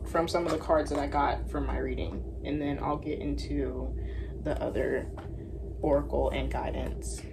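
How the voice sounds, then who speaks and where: A woman speaking in a heartfelt, reflective confession, like a personal vlog, unhurried and sincere. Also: a bass voice, steady tone, noisy background. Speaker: tarot card reader. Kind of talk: reads affirmations aloud slowly.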